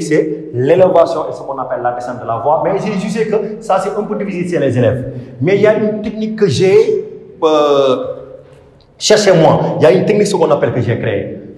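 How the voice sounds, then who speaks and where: A man's voice: a little high, darkish tone. A male literature teacher from Senegal, lecturing on poetry in a didactic way, often repeating himself and asking and answering his own questions. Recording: echoey room with long reverb.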